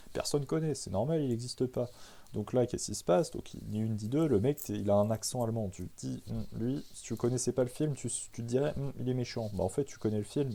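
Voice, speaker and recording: A man retelling a film in a casual, comic way, full of slang and cheeky asides. He keeps asking himself questions and then answering them, and his voice sits at an ordinary middle pitch. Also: mellow. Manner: slangy, irreverent, asks himself rhetorical questions. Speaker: film reviewer. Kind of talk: casual comic movie recap.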